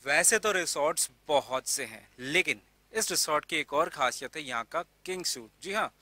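A man's voice: fairly high pitch, animated, moderate pace, sharp tone. A man in his thirties hosting a TV shopping show, addressing viewers directly with a handheld mic in a resort hall. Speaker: TV show host. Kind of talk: promotional TV presenting. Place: indoor resort stairway hall.

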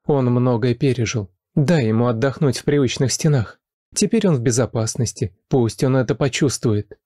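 A man voicing a scheming young wife who speaks quickly and sweetly, with a dark, dry voice raised in pitch. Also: no room sound, natural voice. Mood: sweet, coaxing. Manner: fast, sugary, pleading then spiteful.

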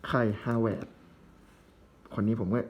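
A man's voice: unhurried, lo-fi sound, slight background noise. A man casually commenting while opening trading card packs, reading out player names in short bursts with chatty asides.

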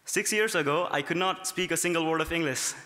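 The long reverb of a large hotel ballroom surrounds a young adult student from Nepal as he reads his prepared gala speech from notes at the podium. His voice is on the high side, brisk, pushed and bright, and his manner is earnest, heard through podium microphones.

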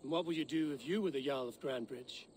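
A man's voice: medium pitch, quick pace, darkish tone, a little hiss or hum, natural voice. An actor voicing a male Viking warrior leader in a video game, asking direct, probing questions. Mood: curious.

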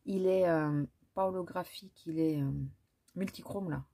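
Woman vlogger, husky, lowish voice, hesitant casual chat. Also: steady tone, normal speed, warm tone. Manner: chatty, hesitant, many fillers and restarts. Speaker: beauty vlogger. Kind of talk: casual haul chat with swatches.

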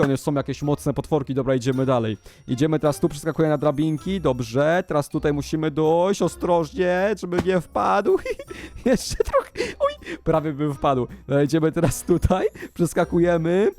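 A young man giving playful, excitable commentary on a Minecraft game to young viewers. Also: fairly high pitch, normal speed, faint music behind. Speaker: gaming channel host. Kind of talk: Minecraft let's play commentary.

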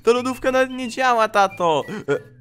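A man role-playing as a child in an online game, excited and full of quick exclamations. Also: extremely high pitch, soft background music. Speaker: gamer playing a child character. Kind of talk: game role-play with voice chat.

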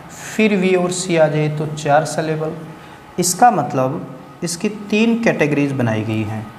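A man with a slightly high, slightly mellow voice gives an exam-prep lecture on English grammar. He explains things step by step and often checks that students are following, recorded in an echoey hall with faint hiss.

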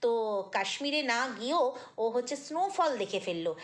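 Chatty woman vlogger with a higher voice. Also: big pitch swings, normal speed. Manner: chatty, critical, with many fillers and restarts. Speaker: vlogger commenting on other vloggers. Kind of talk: casual commentary monologue.

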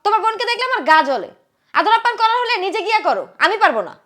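Woman acting as a scolding wife, very high bright voice, talks fast and loud. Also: big pitch swings, exaggerated voice. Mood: scornful. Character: spiteful young wife who resents her sister-in-law. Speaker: sharp-tongued wife. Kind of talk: short film acting.

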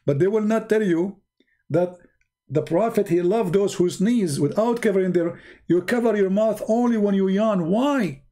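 A man's voice: sits high, normal speed, dark tone. A man giving a sarcastic, rambling monologue in broken non-native English, posing mock-naive questions. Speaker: online commentator. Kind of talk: mocking monologue.

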